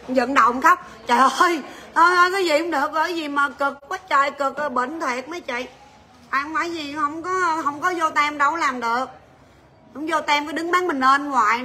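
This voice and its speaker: High bright-voiced woman selling on livestream. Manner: chatty, joking, rattles off prices and buyer names. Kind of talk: livestream sales chat.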